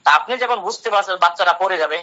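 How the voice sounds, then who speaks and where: Bright-voiced man giving an Islamic talk. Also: high voice, rapid-fire. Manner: translates Arabic phrase by phrase, asks and answers his own questions. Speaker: Islamic lecturer. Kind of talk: religious talk explaining Quran verses. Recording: dull lo-fi sound.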